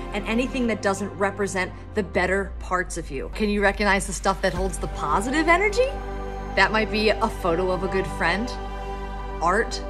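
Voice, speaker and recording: A woman in her thirties from Pennsylvania with a Philadelphia accent, a professional organizer giving an upbeat, encouraging talk to camera with self-deprecating asides. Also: mid-range voice. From Pennsylvania, USA. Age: 30s.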